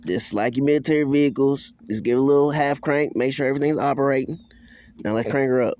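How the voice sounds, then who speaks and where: A man from a rural area gives a casual hands-on tutorial, using folksy, colloquial country phrasing and patiently repeating each instruction step by step. His voice is mid-range and a little mellow, and he talks quickly. Outdoor ambience and clear background noise are audible.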